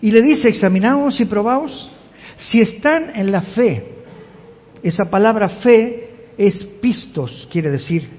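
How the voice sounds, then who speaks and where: A man, a pastor giving an expository sermon and emphatically asking the congregation questions. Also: high voice. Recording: reverberant hall, dull lo-fi sound.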